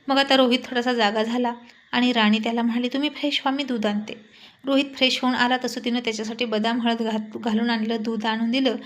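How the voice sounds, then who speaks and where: Brief: a woman storyteller with a fairly high voice, narrating steadily and expressively.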